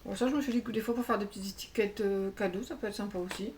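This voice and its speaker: A woman chats through a crafting haul, pausing often with little fillers as she hunts for words. Her mid-pitched voice sits a bit back from the mic, with a faint hiss in the background. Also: a little mellow, far from the mic. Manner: chatty, hesitant, many fillers. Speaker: crafting YouTuber. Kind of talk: casual show-and-tell haul.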